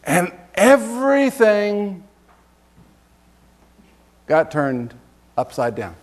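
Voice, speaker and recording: A man's voice: high-pitched, big pitch swings, very slow. A male pastor giving a conversational sermon, reading scripture expressively and chuckling between points.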